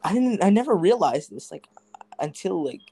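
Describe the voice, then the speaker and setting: A man's voice: sits high, sing-song, normal speed, vocal fry, mellow, slight background noise. A teenage boy hosting a casual podcast, rambling with many fillers and restarts. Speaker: podcast host.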